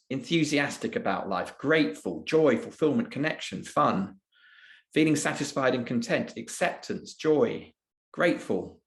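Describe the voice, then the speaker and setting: A man hosts a live webinar over a video call, talking loosely and reading audience replies aloud. His pitch sits in an ordinary middle range. The sound is roomy, with a noticeable echo. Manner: conversational, reads out audience chat answers. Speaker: webinar host and presenter.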